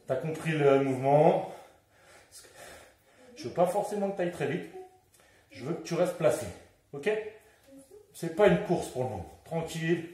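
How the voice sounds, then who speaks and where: A man's voice: medium pitch, dark tone. A man teaching a home workout, coaching and encouraging, slightly out of breath as he exercises along. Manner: encouraging, counts down and coaches moves while exercising. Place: room at home. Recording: very echoey room, mic far off.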